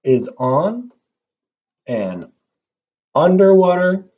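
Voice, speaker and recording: With a high, sing-song voice that stretches out his words, a man teaches young children, chatting to them cheerfully as he draws. He's reading a storybook and giving a lesson, and the recording has a dull, lo-fi quality.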